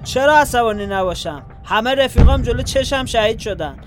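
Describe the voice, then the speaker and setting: A young grieving soldier. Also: male voice, very high voice, animated, music in the background. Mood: angry. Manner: scolding, blunt, raises voice. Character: young wounded soldier, grieving, quick to anger.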